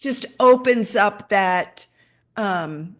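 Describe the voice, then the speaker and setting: A middle-aged woman telling a personal story as an interview guest, animated and acting out the voices of people she quotes. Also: medium pitch, drawn-out words.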